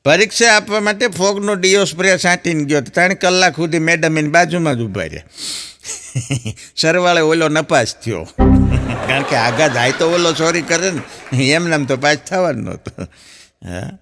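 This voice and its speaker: A middle-aged man with a Saurashtra Gujarati accent tells stand-up jokes. His voice sits high and sounds bright and forceful, and it moves around a lot. He tells his stories chattily and acts out the voices in them. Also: expressive, moderate pace, soft background music. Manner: chatty storytelling, laughing at his own punchlines, acting out quoted voices. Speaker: stand-up comedian.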